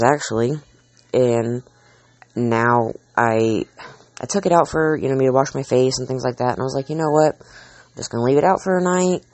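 A man's voice: medium pitch, a little mellow, dry recording. A man hosting a casual monologue, chatty and rambling, drifting off on tangents and full of filler words. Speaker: host counting down a list.

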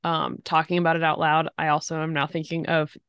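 Woman, podcast co-host, smooth clear voice, lower pitch, relaxed chat. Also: a little fast, no echo, studio quality. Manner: relaxed, many fillers like "like" and "um". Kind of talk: casual chat.

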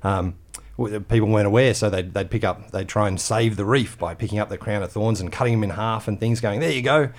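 A man's voice: on the low side, fairly even intonation, a little fast, hardly any pauses. A man chatting casually as a science guest in a radio studio, explaining things in a jokey way. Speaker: museum representative, radio guest.

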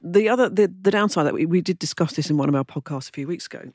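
A woman hosting a podcast interview, chatty and quick to agree and prompt her guest. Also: fairly low pitch, a little mellow, dry recording, clean studio sound. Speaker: podcast host. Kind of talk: casual interview chat.

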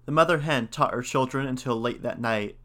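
A man reads folk tales aloud at a measured pace, then talks them over in a plain, even voice. His delivery is steady and unhurried. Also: medium pitch. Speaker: storyteller and commentator. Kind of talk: reading folk tales with commentary.

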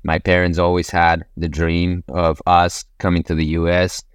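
A man from Ecuador speaks in an earnest, motivational tone. His low voice is smooth and resonant. The recording is close and dry, with no room echo. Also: completely flat delivery, normal speed. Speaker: podcast guest, real estate investor. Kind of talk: motivational interview talk.

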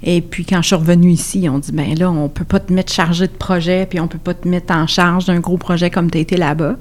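A woman's voice: on the low side, steady tone, a little fast, darkish tone. A woman in her forties with a Québécois French accent, a business coach chatting confidently as a radio guest. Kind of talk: radio interview.

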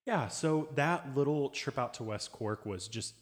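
A man's voice: mid-range voice, expressive, unhurried, long reverb tail. A man co-hosting a podcast, chatting casually and animatedly about a trip and laughing often. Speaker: podcast co-host. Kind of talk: casual travel chat.

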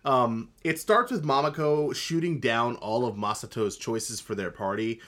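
A man's voice: mid-range voice, unhurried. A man co-hosting a podcast, recapping an anime episode in casual chat with a sarcastic edge. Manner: animated and sarcastic. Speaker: podcast co-host.

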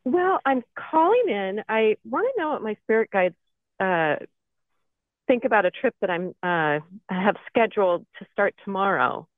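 A woman's voice: mid-range voice, lively intonation, normal speed, dry recording. A woman calling in to a radio show over the phone, chatty and cheerful. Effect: phone line on a radio call-in. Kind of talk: casual chat. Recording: tinny phone line, dry.

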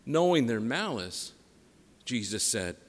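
A priest reading the gospel and preaching a homily in deliberate, measured phrases, his voice carrying a long cathedral echo. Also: medium pitch, very animated. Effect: cathedral echo, long church reverb. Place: large parish church. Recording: long reverb of a large church.

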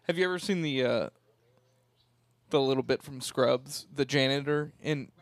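A man co-hosting a casual movie watch-along, talking about movies in an excitable fan's way. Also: moderate pace, no room sound. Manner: excitable movie fan, rising pitch when worked up. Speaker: podcast co-host, called J B.

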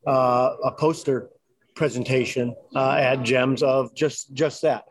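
A man's voice: mid-range voice, steady tone, slow, poor audio. A man speaking in a casual panel discussion, thinking aloud with lots of "you know" and "I mean". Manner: thoughtful, many fillers like "you know".

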